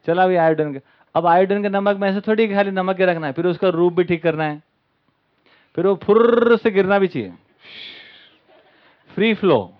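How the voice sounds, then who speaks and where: A man lecturing to an audience at a camp, with a fairly high voice. He tells a satirical story and slips into the people in it. The recording sounds dull and lo-fi. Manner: satirical, acts out the people in his stories. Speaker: speaker at a camp.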